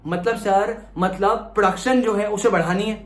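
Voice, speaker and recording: A young man teaching economics in a lively lecture style, asking and answering his own questions and acting out students' questions. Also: sits high, moderate pace, echoey room. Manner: plays student voices asking "sir". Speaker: economics tutor. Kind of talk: classroom lecture.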